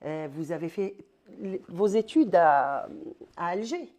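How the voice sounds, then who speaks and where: A woman interviewing a guest, asking questions haltingly with many fillers. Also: fairly low pitch, lively intonation, darkish tone. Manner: hesitant, many fillers, friendly.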